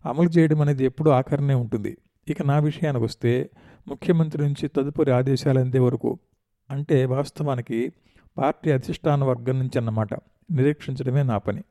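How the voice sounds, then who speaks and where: A man's voice: mid-range voice, fairly even intonation, brisk, dark tone, dry recording, clean studio sound, natural voice. A man voicing a composed male politician who explains his situation reflectively in a story reading.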